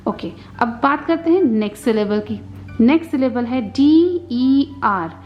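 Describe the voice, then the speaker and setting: A woman with an Indian accent teaching phonics, sounding out letters slowly and patiently. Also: high voice, animated, lo-fi sound, soft background music. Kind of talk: slow patient phonics lesson.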